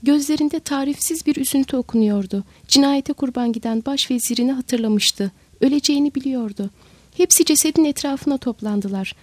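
A woman with a high voice reads a story aloud in a steady, even narration. The recording is dry and close, with no room sound. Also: fairly quick, dry recording. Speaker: audiobook narrator. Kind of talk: scripted narration.

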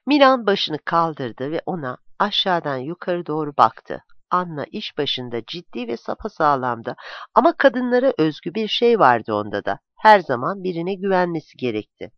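A narrator reading a novel aloud in a dramatic, lively way, in a dull, dry, lo-fi recording. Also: mid-range voice, moderate pace, dry recording.

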